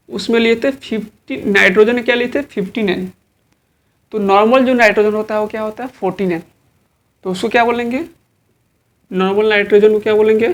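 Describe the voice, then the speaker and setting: A woman biology teacher giving an exam-prep lecture, asking rhetorical questions and repeating each answer to drill it in. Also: medium pitch.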